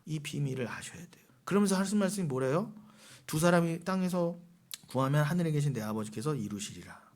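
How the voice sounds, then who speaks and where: A man in middle age delivers a sermon, firing rhetorical questions and scolding his listeners. His voice sits a bit high and swings widely in pitch. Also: a bit bright. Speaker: pastor.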